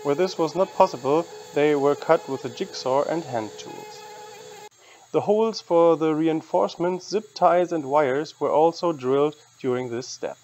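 A man narrating a scripted woodworking tutorial in an even, matter-of-fact way. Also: on the high side, unhurried, highs cut off. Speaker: woodworking channel host.

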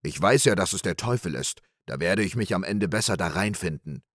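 A man voicing a gullible, boastful middle-aged farmer in an audiobook fairy tale, gruff and eager. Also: deep voice, lively intonation, a little fast, dry recording, studio quality.

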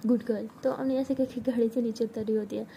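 A woman narrates a romantic story in a relaxed, chatty telling. Her voice is high and mellow, with a faint background hiss. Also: fast, creaky.

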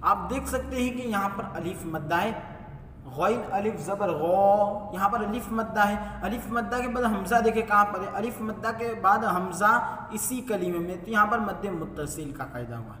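A man's voice: high voice, normal speed, bright, forceful tone, slight background noise. A man teaching a step-by-step recitation lesson, who asks himself questions and then answers them. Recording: echoey hall, mic far off.

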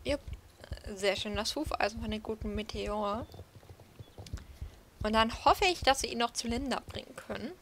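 A woman's voice: a little high, moderate pace, long pauses, fairly bright tone, a little hiss or hum. A woman giving casual, playful commentary while she plays a horse-riding game, talking to herself. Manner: chatty self-talk, playful. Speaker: let's play host.

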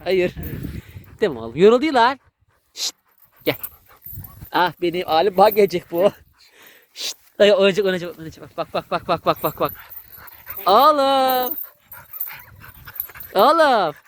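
A man, vlogging outdoors in a village and excitedly calling to a dog. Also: high-pitched, brisk, long pauses, a little hiss or hum. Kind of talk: casual vlog commentary.

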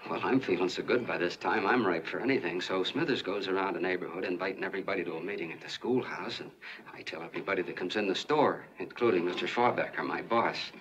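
An actor playing a folksy small-town soda jerk who tells a long, earnest, rambling story in 1940s film style. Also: male voice, sits low, quick pace, fairly bright tone. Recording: muffled, hissy 1940s film soundtrack.

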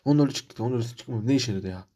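A man's voice: medium pitch, fast talker, warm tone. A man commentating his football manager game career, frustrated and ranting, repeating himself. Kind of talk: let's-play commentary.

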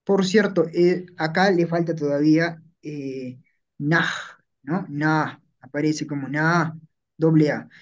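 Guy teaching a class, kinda high voice, keeps asking "right?", muffled recording. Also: steady tone, measured pace. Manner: explains patiently, checking in with "¿no?" and "¿ya?". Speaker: language teacher. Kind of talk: classroom lesson. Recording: dull lo-fi recording.

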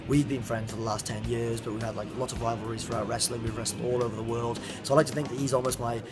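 A man's voice: mid-range voice, little pitch movement, fast talker. A man in his twenties from Wales, a professional wrestler giving a casual promotional interview to camera. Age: 20s. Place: indoor community centre room. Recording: loud music bed under speech.

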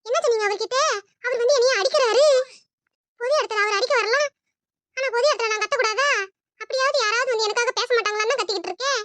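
A woman's voice: extremely high pitch, quick pace, long pauses, a bit bright, no room sound. Woman doing a melodramatic wailing daughter-in-law. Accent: Tirunelveli Tamil. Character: dramatic wailing daughter-in-law, self-pitying.

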